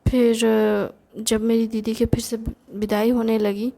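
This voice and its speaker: Woman storyteller, high voice, unhurried, chatty first-person telling with lots of fillers. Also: level tone, creaky, mellow. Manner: chatty, confiding, with many fillers.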